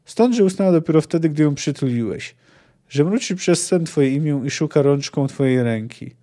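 A grave old bearded druid in a read-aloud story, as a man reads him, earnest and measured in his warnings. The voice stays mellow and dark, close to the reader's own. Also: fairly high pitch, animated, lightly acted. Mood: earnest counsel.

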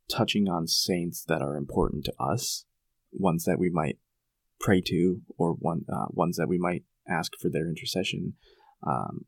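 A man co-hosting a podcast, talking in a relaxed, conversational way. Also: deep voice, vocal fry, no room sound. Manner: relaxed, conversational, uses fillers. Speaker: podcast co-host. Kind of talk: casual podcast chat.

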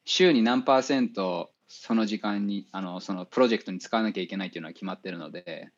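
A man, an engineer guest in a casual interview, explaining things step by step with many fillers and pauses. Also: on the low side. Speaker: spacecraft navigation engineer. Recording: dull lo-fi audio.

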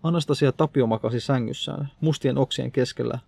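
A man narrating an audiobook in steady, measured scripted narration. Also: mid-range voice, gravelly, slightly rough, no room sound.

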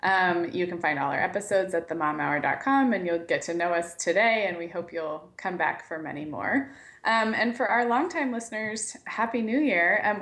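A woman's voice: lowish voice, a bit bright. An American woman co-hosting a podcast in a casual, conversational style. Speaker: podcast co-host. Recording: roomy, echoing sound.

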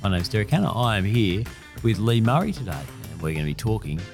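A man's voice: fairly low pitch, sing-song, fast, faint music behind. A man hosting a podcast and interviewing a guest conversationally. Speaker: podcast host.

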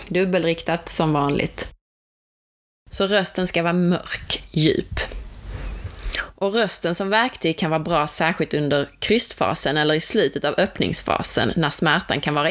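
Calm female instructor, slightly low voice, steady coaching delivery. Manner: calm, explanatory, gently coaching. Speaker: childbirth educator. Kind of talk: instructional talk.

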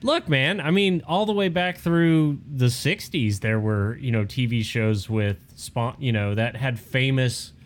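A man co-hosting a casual chat show, animated and joking, with lots of fillers. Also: medium pitch, unhurried, few pauses. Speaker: podcast co-host.

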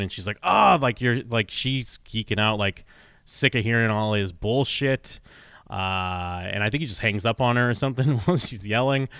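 A man's voice: lowish voice, bright, forceful tone, smooth, dry recording, studio quality. A man co-hosting a podcast, chatting loosely about a TV episode with many fillers and restarts, swearing now and then. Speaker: podcast co-host. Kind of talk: casual TV recap chat.

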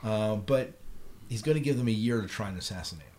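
Speaking fairly quickly in a lowish, darkish voice, a middle-aged American man hosts a podcast. He chats casually about the shows and films he's watched and what he's read; the recording is clearly noisy.

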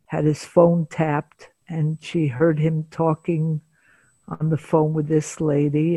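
An older woman, a psychotherapist, telling a patient's story in an interview, measured and pausing often to gather her thoughts. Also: deep voice, a little mellow, no room sound. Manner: measured, pauses often with filler sounds. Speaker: psychotherapist guest.

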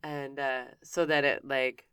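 A woman's voice: very deep voice, flat delivery, slow, pushed and bright, smooth, dry recording, clean studio sound. Frank woman telling a personal story. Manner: candid, frank with casual swearing; self-interrupting with frequent restarts. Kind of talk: personal story told conversationally.

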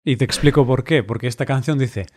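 Slow-spoken man co-hosting. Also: medium pitch, slightly rough. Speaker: podcast co-host. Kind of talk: casual podcast chat.

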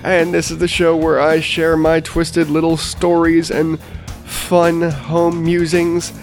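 Soft background music plays as a man in his thirties, congested from a sinus infection, hosts his own podcast in a rambling, self-deprecating monologue with many restarts. He speaks a little high, in a monotone, and takes it slowly.

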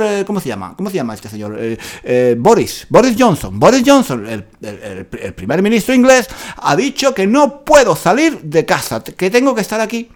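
A man hosting a podcast for learners, talking casually at home in a playful, self-mocking way and repeating his phrases. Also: high voice. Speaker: Spanish-learning podcast host.

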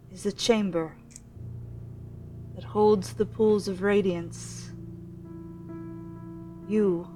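A woman voicing an unearthly undead elven spirit in a tabletop game, grave, halting and pleading. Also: medium pitch, distant mic, natural voice.

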